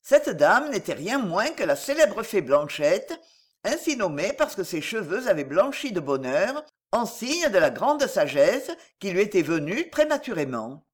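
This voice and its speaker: Expressive woman reading a fairy tale. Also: medium pitch, husky. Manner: expressive, measured. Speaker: narrator. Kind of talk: storybook narration.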